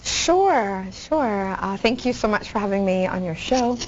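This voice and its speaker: A woman's voice: mid-range voice, animated, a little slow, a little mellow. A woman, a guest author, earnestly telling her life story in a TV interview with fillers and restarts. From Bahamas. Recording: dull audio, faint noise.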